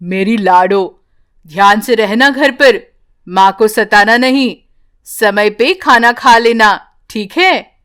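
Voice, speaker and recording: A woman voicing a gentle, caring village father in an animated bedtime story, speaking slowly and fondly. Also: mid-range voice, clean tone.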